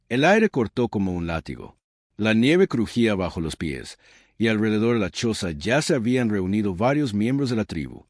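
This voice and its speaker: A man's voice: on the low side, a little mellow, dry recording, studio quality. A man narrating a dramatic story in a solemn, scripted storytelling style.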